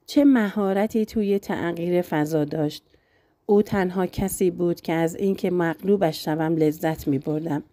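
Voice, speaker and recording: Female audiobook narrator; dark, mellow tone, dry close mic. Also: lowish voice, no echo. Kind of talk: novel reading.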